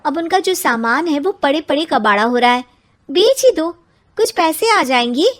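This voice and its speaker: A woman's voice: high voice, expressive, normal speed, fairly bright tone, voice pushed up. A woman doing a practical young wife. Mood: coaxing.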